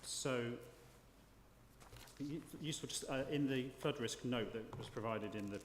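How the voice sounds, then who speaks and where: A man's voice: medium pitch, measured pace. A man chairing a formal public hearing, putting questions in a hesitant, repetitive way. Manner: hesitant, often repeating words as he phrases questions. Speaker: planning inspector chairing an inquiry. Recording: echoey hall with clear background noise.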